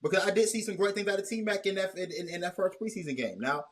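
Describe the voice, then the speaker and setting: A man's voice: high voice, animated. Rambling man hosting sports talk. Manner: rambling, many restarts, measured and cautious. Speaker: host. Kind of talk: casual sports chat.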